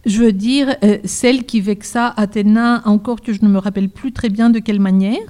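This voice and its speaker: A woman's voice: mid-range voice, fairly even intonation, a little fast, mellow, close to an everyday voice. A woman reading the lines of an uncertain young woman in a story. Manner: hesitant.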